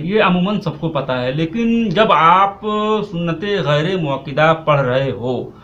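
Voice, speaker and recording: A man's voice: on the high side, fairly bright tone, slight background noise. A man giving a step-by-step religious lesson on prayer rules, repeating points with fillers. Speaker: Islamic cleric teaching prayer rules. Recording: dull lo-fi sound.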